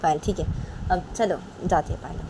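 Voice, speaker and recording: A woman voicing a soft-spoken partner who gives in quietly. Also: lowish voice, brisk, noisy background, close to an everyday voice. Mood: placating. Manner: quiet and yielding. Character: soft, placating woman giving in.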